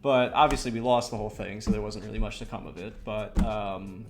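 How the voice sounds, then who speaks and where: A man's voice: on the low side, steady tone, fairly quick, soft background music. A young man, a streamer, telling a story in a casual, rambling way while he draws. He swears a lot and fills his talk with lots of "like" and "you know".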